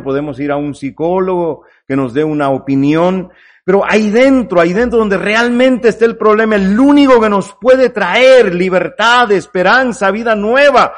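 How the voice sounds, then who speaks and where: A pastor preaching a sermon, his voice swinging from low murmurs to drawn-out cries, with repeated phrases for emphasis.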